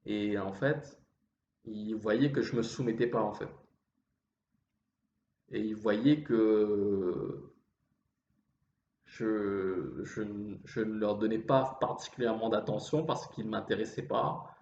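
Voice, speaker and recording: A man talks introspectively at a slow, halting pace, breaking off and restarting phrases. His voice is slightly effeminate and refined in phrasing. The recording is dull and roomy, with faint noise behind him. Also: on the low side, a little mellow. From Réunion. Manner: halting, with repeated false starts and trailing phrases; refined way of speaking. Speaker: vlogger. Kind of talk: introspective monologue.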